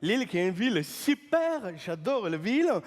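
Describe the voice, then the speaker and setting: A comedian playing a rambling male storyteller who mangles his French, talking with lively, swooping pitch on stage. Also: moderate pace. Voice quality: garbles grammar and words. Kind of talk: improvised stage comedy sketch.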